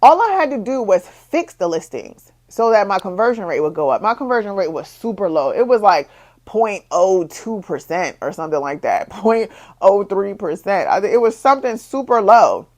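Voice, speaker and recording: A young woman who runs her own bikini business, telling her story in a casual vlog, repeating herself and rising higher as her frustration builds. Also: very animated, moderate pace. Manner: exasperated, repetitive, rises in pitch when frustrated. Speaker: small business owner, bikini designer.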